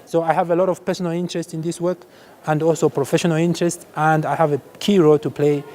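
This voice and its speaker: A man from Zambia, a surgeon and health diplomat, speaking in an earnest, measured interview statement with some restarts. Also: a little high, little pitch movement, a little mellow.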